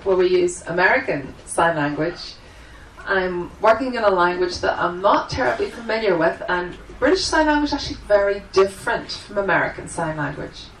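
Woman giving a live interpreter voice. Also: mid-range voice. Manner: speaks in the first person for the signer, with plain restarts and fillers. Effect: live interpreter voice, speaking aloud for a signer. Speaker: sign language interpreter. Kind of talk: live voicing of a signed church seminar. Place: large meeting room with an audience. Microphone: microphone at the front of the room. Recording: distant mic with faint room noise.

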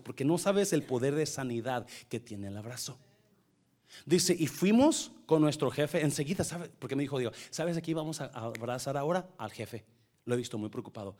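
A man preaches to his congregation as pastor, his voice sitting a little high for a man. He tells stories in a hushed, intimate tone, then rises into loud, animated calls to the church. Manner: storytelling, lively swings from hushed to loud exhortation. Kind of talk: sermon.

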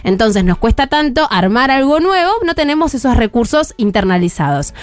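Argentine woman, 30s, parenting columnist, chatty, bright-ish, dry studio. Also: fairly high pitch, sing-song, moderate pace, no echo. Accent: Argentine Spanish. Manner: chatty, explanatory, with filler restarts. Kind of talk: radio column chat.

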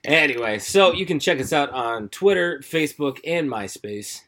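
A man's voice: fairly high pitch, expressive, moderate pace, a bit bright. A man hosting a casual podcast chat, loose and profane, laughing often. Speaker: podcast host.

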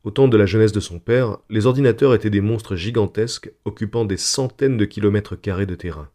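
A male storyteller reads in a calm, measured way. His voice is low-pitched and dark, with a mellow, relaxed tone. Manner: calm, measured literary narration. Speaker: narrator. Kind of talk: storytelling audiobook reading.

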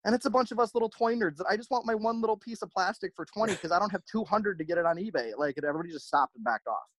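A man's voice: high-pitched, very fast, dry recording. A man who runs a merchandise brand, telling stories in a casual interview and acting out the back-and-forth. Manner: animated, acts out quoted exchanges.

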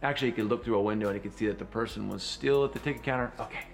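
A man's voice: on the low side, rapid-fire, vocal fry. Casual man telling an improvised story. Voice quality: rambling, casual, with filler words. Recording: roomy echo, faint music.

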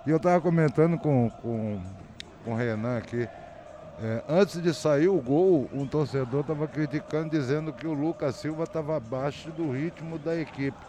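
A man analysing a live football match, halting and repeating words as he searches. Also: on the high side. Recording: faint outdoor urban noise.

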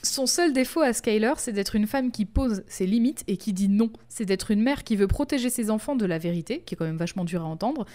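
A woman co-hosting a podcast, chatting casually and reading from her notes, quick to laugh. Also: mid-range voice. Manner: lively, quick to laugh, reads quotes in a measured voice. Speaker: podcast co-host. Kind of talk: casual chat mixed with reading notes aloud.

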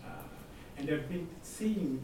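A man from Zanzibar with a Tanzanian accent, making a halting, earnest comment from the floor at a seminar. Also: fairly high pitch, lively intonation. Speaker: audience member commenting. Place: seminar room. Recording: very echoey, distant mic, noisy room.

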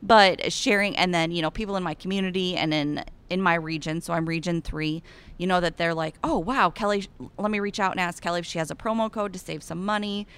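A young Iowa woman with a local accent, her voice on the low side, smooth and a little fast. She's a guest in a casual interview, chatting about being a cattle ambassador in a bubbly, enthusiastic way, gushing with excitement.

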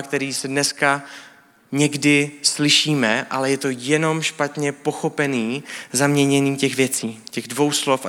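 A man's voice: fairly high pitch, a bit bright. A man giving a sermon, explaining things in a casual, teaching way with colloquial speech. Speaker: preacher. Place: church hall. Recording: church hall with long reverb.

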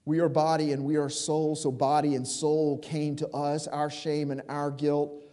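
A man preaching a sermon with passion, stressing words slowly and then rushing through quick asides. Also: a little high, flat delivery, warm tone. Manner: impassioned, emphatic, swings between slow stresses and quick asides. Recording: long hall reverb.

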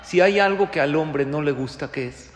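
A man giving a sermon as a rabbi, animated and joking, firing rhetorical questions at his audience. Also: a little high, normal speed, a little hiss or hum. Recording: echoey hall.

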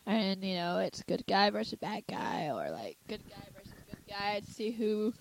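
A woman's voice: medium pitch, very animated, no room sound, rough recording. A woman wrestler being interviewed, chatting casually, giggly and saying like a lot. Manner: giggly, quick, says like a lot. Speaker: wrestler guest.

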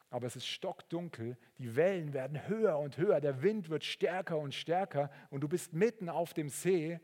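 A man preaching a sermon, earnest and sometimes rising into excited storytelling. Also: a little high. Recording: long reverb of a large hall.

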